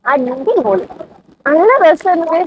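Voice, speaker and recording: Female vlogger, very high voice, casual mix, faint rainy noise outdoors. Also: lively intonation, slow pace, muffled recording. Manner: mixes English words into Malayalam. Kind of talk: casual outdoor travel vlog chat. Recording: background noise of rain outdoors.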